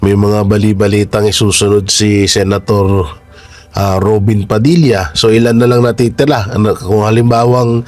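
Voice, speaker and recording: Male vlogger, lowish congested voice, halting informal commentary full of rhetorical questions, music underneath. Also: little pitch movement, a little mellow. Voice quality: congested, stuffy-nosed voice. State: nasal congestion. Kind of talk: informal news commentary to followers.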